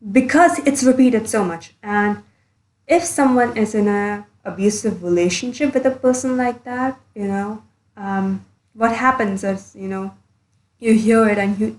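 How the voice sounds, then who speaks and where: Woman YouTuber, blunt commentary, recorded under a blanket, echoey sound. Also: medium pitch. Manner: blunt, earnest, a bit sweary. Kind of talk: casual commentary monologue.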